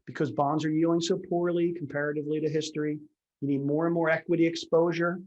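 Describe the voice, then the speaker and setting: A man's voice: a little high, darkish tone, lo-fi sound. A man working as a retirement advisor, explaining a lecture slide by slide in a conversational way, full of fillers and rhetorical questions.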